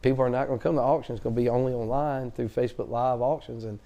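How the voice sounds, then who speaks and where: A man talks fast, jabbering through his stories in a relaxed interview. His voice is dark and mellow, and his pitch sits in the middle. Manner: fast-talking, chatty, animated storyteller. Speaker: auctioneer, guest. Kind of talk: casual interview storytelling.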